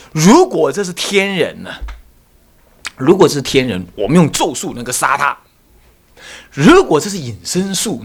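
A man doing a calm, clever court minister. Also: mid-range voice, husky. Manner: reassuring, explanatory.

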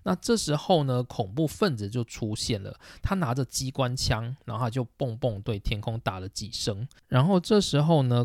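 A man with a Taiwanese Mandarin accent hosts a podcast in a relaxed, thinking-aloud monologue. His mid-pitched voice has a gravelly edge. The recording is dry and close. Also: dry recording. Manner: conversational, thinks aloud with fillers. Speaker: podcast host. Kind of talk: casual explanatory monologue.

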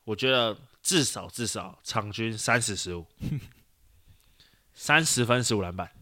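A man's voice: lowish voice, expressive, measured pace, bright, forceful tone, no room sound. A young man, co-hosting a podcast with teasing, dry comebacks. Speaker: podcast co-host. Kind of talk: casual chat about basketball.

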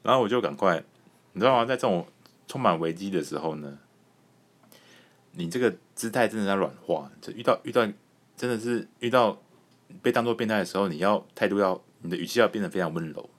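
A man with a very low voice tells a comic story from his own life, his pitch swinging widely as he goes. He hosts a podcast and laughs often between lines. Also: brisk. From Taiwan. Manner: animated, laughs often while telling. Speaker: podcast host.

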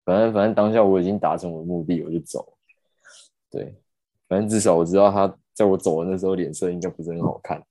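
Brief: young man, low and dark voice, indignant storyteller. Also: quick pace, no room sound. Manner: animated, indignant, swears casually. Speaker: podcast host. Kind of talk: casual storytelling.

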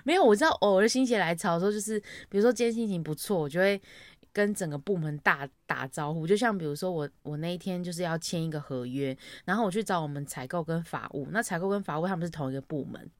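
A woman's voice: fairly low pitch, fast talker, dry recording. A young woman, chatting casually and acting out her own greetings as she tells an office story. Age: young adult. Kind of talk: casual chat.

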